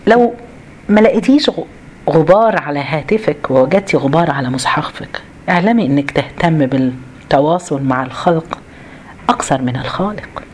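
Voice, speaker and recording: A woman's voice: low-pitched, lively intonation, moderate pace, darkish tone, a little hiss or hum. A woman with an Egyptian Arabic accent gives an informal religious lesson to a group, exhorting conversationally with rhetorical questions.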